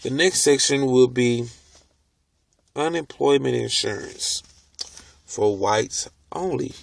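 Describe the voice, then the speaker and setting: Slow, gravelly-voiced man reading aloud. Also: mid-range voice, expressive, a little hiss or hum. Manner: deliberate, stops to comment on what he reads. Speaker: video host. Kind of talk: reading a book aloud with commentary.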